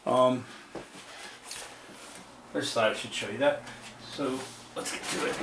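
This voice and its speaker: Low-voiced man rambling through a painting demo. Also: a bit bright, roomy sound, slight background noise. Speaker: watercolor painter demonstrating. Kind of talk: casual painting demo, thinking aloud.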